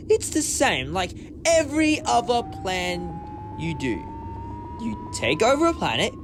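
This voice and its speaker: A man's voice: very high voice, a little hiss or hum, exaggerated voice. A man playing an eccentric, compassionate time-travelling hero in a sci-fi audio drama, talkative and theatrical, given to speeches. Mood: taunting.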